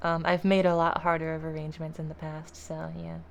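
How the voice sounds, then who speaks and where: A woman explaining a guitar piece in a casual tutorial, relaxed and self-deprecating, trailing off with fillers. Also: sits low, fairly quick, vocal fry, a little hiss or hum. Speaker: guitar teacher. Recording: guitar playing loudly behind. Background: acoustic guitar.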